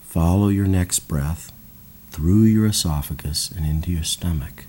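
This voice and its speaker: A man guiding a slow, calm breathing and body relaxation exercise in a soothing voice. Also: low-pitched, a little hiss or hum. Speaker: meditation guide. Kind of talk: guided relaxation narration.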